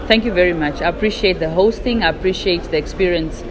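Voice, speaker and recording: A woman's voice: fairly low pitch, quick pace. A woman from Namibia, giving an earnest, formal testimonial at a conference. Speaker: foundation founder, summit attendee. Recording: busy crowd noise behind.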